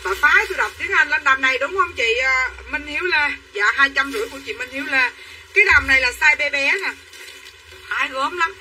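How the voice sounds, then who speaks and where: Talking to her livestream audience as sisters, this clothing seller pitches dresses in a chatty patter. Her high voice runs a little fast, bright and forceful, and she's recorded from a distance amid faint room noise.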